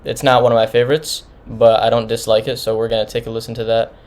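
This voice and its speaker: A man's voice: mid-range voice, level tone, fast, a little mellow. A man giving an informal, rambling album review, talking casually with many restarts. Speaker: music reviewer.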